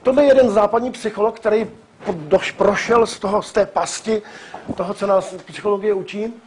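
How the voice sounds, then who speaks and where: A man in his sixties from the Czech Republic giving a public lecture, emphatic and animated, with frequent hesitations and restarts. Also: high voice, slight background noise. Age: 60s. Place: lecture hall.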